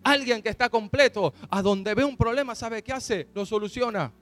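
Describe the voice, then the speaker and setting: A man preaching a fervent sermon as a pastor, his delivery building to shouted declarations. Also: extremely high pitch, normal speed.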